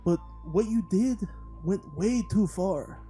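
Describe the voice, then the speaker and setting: Worried cop played by a man, muddled put-on accent, amateur podcast story read over soft music. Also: sits high, animated, slow. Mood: worried, serious. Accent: put-on muddled foreign accent. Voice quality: odd wavering put-on accent. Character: male cop Hernandez, worried and stern. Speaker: guest voicing a character.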